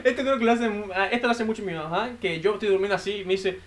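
A young man chatting casually with friends, rambling and joking. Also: high-pitched. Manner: rambling, joking, quick-talking. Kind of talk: casual chat among friends.

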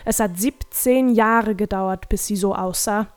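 A woman's voice: mid-range voice, measured pace, darkish tone, no echo, close to an everyday voice. A woman reading the lines of a big, proud male forest creature who fusses over his garden, lecturing fondly, in a dry, close recording. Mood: proud fussy.

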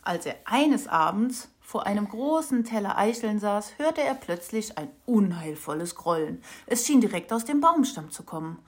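A woman narrating a children's storybook with an expressive, lively reading. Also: medium pitch, normal speed, hardly any pauses.

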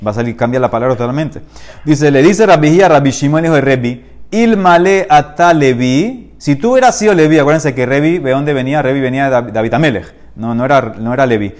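A man teaching a Talmud class, reading Aramaic passages and explaining them in Spanish. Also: fast talker. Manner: animated, rises in pitch when stressing points.

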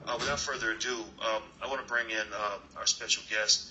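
Speaking a little fast in a low, even, sharp-toned voice, a man runs an online class and video-call interview with a motivational bent from a dim room in a new location. He's earnest but stumbles through many fillers and restarts. The audio is dull, with faint music behind.

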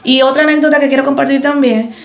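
A woman's voice: high-pitched, fairly even intonation, fast. A middle-aged woman chatting on a podcast, telling stories and acting out quoted dialogue. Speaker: podcast co-host. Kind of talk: casual chat. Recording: roomy echo.

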